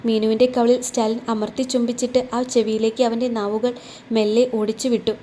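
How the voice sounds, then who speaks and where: Mellow-voiced woman narrating a romance story. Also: fairly high pitch, little pitch movement, a little fast, a little hiss or hum. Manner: voices every character in her own voice.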